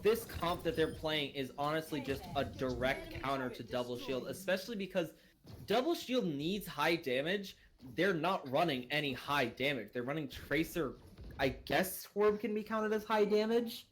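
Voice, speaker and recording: A man's voice: fairly high pitch, lively intonation, normal speed, fairly bright tone. A man co-casting an esports match as analyst, giving blunt, candid color commentary with laughs.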